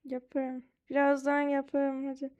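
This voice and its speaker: A woman teaching a language lesson, translating lyrics word by word with slow, halting explanations full of fillers. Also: high-pitched, completely flat delivery, a little mellow, lo-fi sound.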